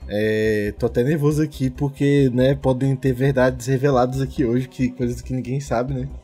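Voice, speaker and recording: A man's voice: medium pitch, fairly even intonation, moderate pace, dark tone, faint music behind. A young man with a Brazilian Portuguese accent, telling personal stories in a slangy, jokey, rambling chat among friends. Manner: slangy, jokey, rambling with frequent tag questions.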